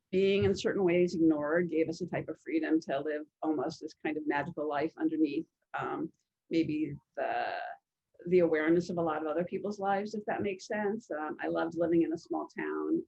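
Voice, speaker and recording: A woman author from the United States introducing herself on a panel, soft-spoken and hesitant with many fillers. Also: low-pitched, gravelly, husky. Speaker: children's author. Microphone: video call. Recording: dull lo-fi call audio.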